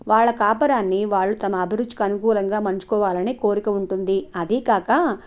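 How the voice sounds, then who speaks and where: A woman's voice: mid-range voice, fairly even intonation, normal speed, highs cut off, lightly acted. Woman voicing an earnest teenage son. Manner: earnest, reasoning.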